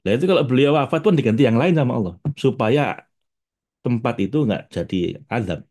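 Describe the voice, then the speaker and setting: A man's voice: mid-range voice, very animated, fast talker, darkish tone. A man, giving a casual spiritual talk as a religious teacher, chatty and addressing his audience directly with frequent laughs.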